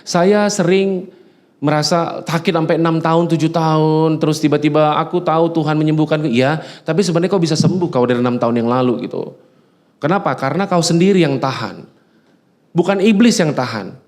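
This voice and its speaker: A middle-aged male pastor preaching a lively sermon, swinging from quiet musing to loud urging and acting out chatty dialogues. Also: brisk. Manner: animated, swings from low musing to loud exhortation; acts out dialogues with God in a chatty tone.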